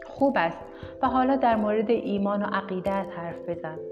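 A woman narrator voicing a calm, direct old male professor who is dying, in gentle, measured quoted lines, over music on a dull recording. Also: mid-range voice, natural voice.

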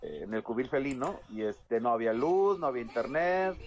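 A man's voice: mid-range voice, animated, fairly quick. A man, a podcast guest rambling through a story with many fillers. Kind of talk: casual podcast chat.

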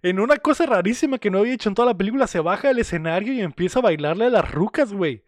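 A man with a Mexican accent, recapping a movie in a slangy, animated casual chat. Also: sits high, very fast, no echo, clean studio sound. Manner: slangy, animated storytelling with frequent "güey". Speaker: podcast co-host recapping a movie.

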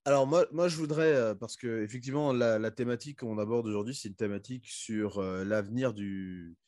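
A podcast host from the Republic of the Congo makes a case for his guests in casual interview talk, hesitant and full of fillers and restarts. His voice is on the low side and a little mellow, fairly quick, and the recording is dry and studio quality.

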